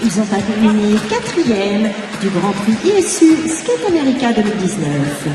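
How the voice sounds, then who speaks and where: Woman announcing over an echoing arena loudspeaker. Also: very animated, distant mic, over music. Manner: measured, ceremonious public-address delivery. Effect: public-address loudspeaker. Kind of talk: formal event announcements. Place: large ice arena. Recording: booming loudspeaker in a vast echoing arena, heard from afar.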